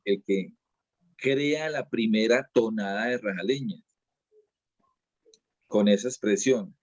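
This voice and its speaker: A man's voice: on the low side, no room sound. Dance teacher guy talking it through, lots of restarts, kinda muffled dry recording. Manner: lecturing at length, with frequent restarts and repeated words. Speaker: dance teacher being interviewed. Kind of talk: casual explanatory interview.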